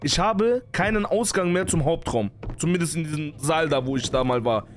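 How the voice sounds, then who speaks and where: A man's voice: fairly high pitch, moderate pace, a little hiss or hum. A man giving panicky, jumpy let's play commentary on a horror game, full of sworn exclamations. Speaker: gaming streamer.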